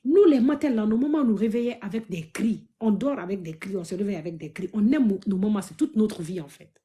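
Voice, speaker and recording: A woman from Africa hosting a live stream, talking to her viewers in an emphatic, loud and pleading way. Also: medium pitch, a little fast.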